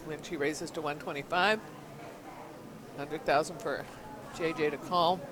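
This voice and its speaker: A man calls live poker from a commentary booth, his voice pitched a little high. He reasons through each hand analytically, filling pauses with "you know". A crowd murmurs in the background. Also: steady tone.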